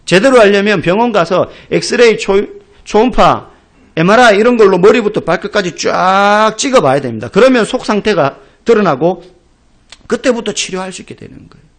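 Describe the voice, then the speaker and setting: A middle-aged Korean pastor delivers a sermon in a high, lively voice that swings widely in pitch. He tells stories vividly, acting out the people he quotes. He rises to loud, emphatic exclamations. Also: a little fast.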